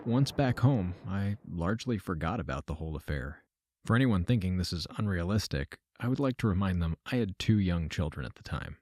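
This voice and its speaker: A deep-voiced actor narrates fairly quickly as a wry, matter-of-fact man recalling his passage between simulations. His first-person account is deadpan, dry and formally worded at length. Music plays beneath him.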